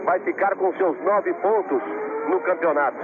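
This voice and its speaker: A man's voice: high voice, unhurried. A Brazilian man giving live motorsport play-by-play commentary, dramatic and repeating phrases for emphasis. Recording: tinny radio-like broadcast, engine noise behind.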